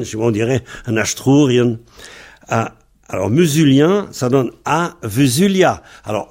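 A man's voice: medium pitch, darkish tone. A man teaching a Breton language lesson in French, patiently spelling words out letter by letter.

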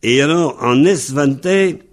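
A man's voice: a little high, unhurried. A man teaching Breton on a radio lesson, patiently repeating and spelling out word forms.

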